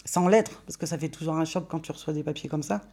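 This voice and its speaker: A woman's voice: deep voice, fast talker, warm tone, slightly rough. A woman speaking hesitantly in a casual conversation, giving personal memories and directions.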